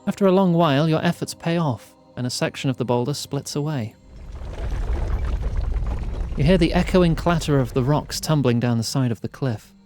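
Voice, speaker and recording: A man streaming a fantasy role-playing game, reading its text aloud in measured storytelling style and chatting between passages. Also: a little high, darkish tone, faint music behind.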